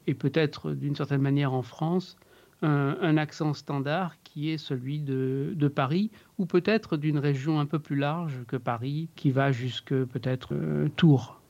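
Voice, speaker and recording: A man working as an accent coach, explaining in an interview in a measured way with frequent hesitations. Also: on the high side, darkish tone, dull audio.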